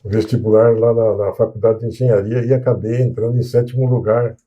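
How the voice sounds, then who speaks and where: Recalling his years as a civil engineer, a Brazilian man in his sixties speaks as a guest in a relaxed interview, his accent from the São Paulo coast. His medium-pitched voice is dark and level, broken by frequent hesitations and restarts, and the recording sounds muffled.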